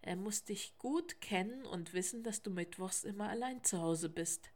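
A woman reading a children's story, voicing a clever young schoolboy who talks in a brisk, decisive way. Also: mid-range voice, darkish tone, natural voice. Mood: eager.

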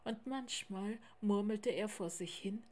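A woman reading a children's story aloud in a slow, clear, measured way. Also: medium pitch, darkish tone.

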